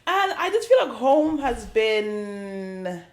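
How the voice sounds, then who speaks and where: A woman's voice: fairly high pitch, very animated, slow pace. A young woman from Nigeria, a podcast guest, telling her own story in a casual interview, reflective and full of fillers.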